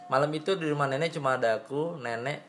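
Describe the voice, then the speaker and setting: A man's voice: fast talker, fairly bright tone, slight background noise. A man co-hosting a casual podcast, reading listener emails aloud, swearing freely and laughing often. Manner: crude slang, bursts into high laughter. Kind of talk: casual chat.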